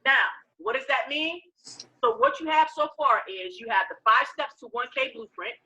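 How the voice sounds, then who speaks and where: A woman giving a live sales training pitch as presenter, emphatic and repetitive, checking in with listeners with short questions. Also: normal speed, pushed and bright, poor audio.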